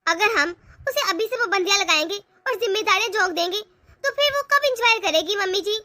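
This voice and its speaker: A woman voicing a kind, agreeable young wife in an animated family cartoon, speaking soothingly to her family. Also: very high-pitched, brisk, no room sound, clean studio sound, heavily acted. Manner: warmhearted, soothing.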